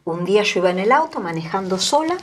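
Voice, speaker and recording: A woman's voice: mid-range voice, very animated, fast talker, a little hiss or hum. Earnest Argentine woman in her sixties. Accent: Argentine Spanish. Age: 60s. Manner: earnest, emotional storytelling. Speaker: guest. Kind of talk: testimony in an interview.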